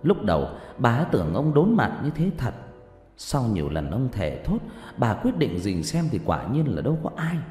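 A man narrating a horror story with dramatic, expressive delivery. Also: mid-range voice, normal speed. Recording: echoey reverb with background music.

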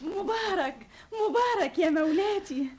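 A woman's voice: extremely high pitch, moderate pace, slight background noise. An actress with an Egyptian Arabic accent playing a maid who teases and worries over her mistress. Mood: fussing. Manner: animated, teasing, concerned. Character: lively maid fussing over her lady.

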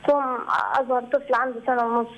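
A woman's voice: fairly high pitch, flat delivery, quick pace, a little hiss or hum. A young Egyptian woman calling in for advice, pleading and repeating herself as she pours out her situation. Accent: Egyptian Arabic. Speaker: caller seeking advice. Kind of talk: emotional phone-in call. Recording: muffled phone line.

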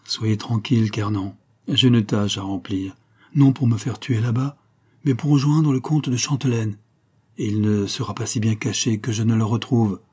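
A man's voice: fairly low pitch, fairly even intonation, normal speed, mellow, breathy edge. A man voicing a fervent young nobleman declaring his love and vowing to set out, declaiming with a raised voice. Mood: resolute.

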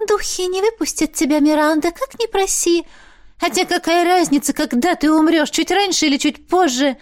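A woman voicing a spiteful ghost girl in an audiobook, with a squeaky sing-song voice and slow, taunting delivery. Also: dry recording, studio quality. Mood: gloating. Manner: taunting, slow drawn-out singing. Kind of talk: audiobook character voice.

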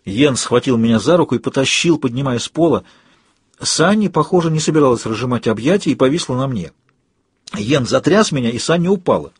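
Male audiobook reader, husky tone, dry close sound, steady read. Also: mid-range voice, a little fast, dry recording. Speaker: audiobook narrator. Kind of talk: scripted audiobook narration.

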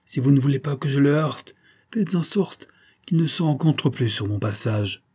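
A man reading an audiobook, voicing a brutal, raging middle-aged nobleman count who blusters loudly. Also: medium pitch, animated, normal speed, breathy edge, pitched above the performer's own voice. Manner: loud and blustering.

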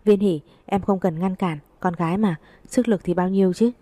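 A woman's voice: on the low side, steady tone, normal speed, mellow, no room sound, natural voice. A woman reading the lines of a cheeky, joking young man in an audiobook, with a playful teasing manner.

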